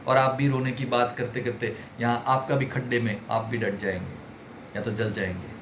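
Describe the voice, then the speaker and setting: A man teaching a public speaking workshop in an animated, theatrical way, mixing Hindi and English. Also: mid-range voice, moderate pace. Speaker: personality development trainer. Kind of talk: online workshop lecture. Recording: roomy with faint background noise.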